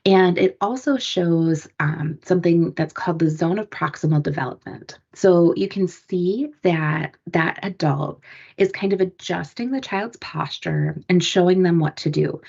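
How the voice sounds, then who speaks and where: A woman presents a webinar in a calm, explanatory way, her voice low-pitched with a gravelly, husky edge. The computer mic gives the sound a dull, lo-fi feel. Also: measured pace.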